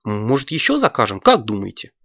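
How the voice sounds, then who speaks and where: A storyteller voicing an excitable, impatient young girl wizard who gushes and hurries everyone along. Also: fairly quick, gravelly, no room sound, highs cut off, full character voice. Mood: eager. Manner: shrill, gushing, always hurrying others.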